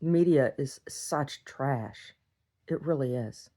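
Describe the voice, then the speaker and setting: A woman's voice: rumbling low, takes it slowly, mellow. A woman talking casually to herself in a rambling video diary, blunt, irreverent and sardonic. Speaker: video diarist.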